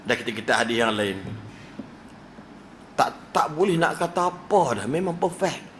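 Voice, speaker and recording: Brief: male lecturer, lively joking sermon storyteller, forceful bright voice, slightly high pitch. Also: moderate pace, a little hiss or hum. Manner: animated storytelling with jokes and acted quotes. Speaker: religious lecturer. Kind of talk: humorous religious lecture.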